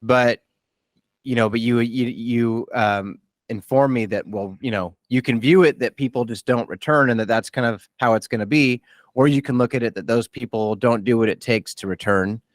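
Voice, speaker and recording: A man's voice: mid-range voice, normal speed, no echo. A man in his thirties hosting a casual interview, talking candidly and self-deprecatingly about his own injury, with frequent restarts. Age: 30s. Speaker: podcast host and athlete.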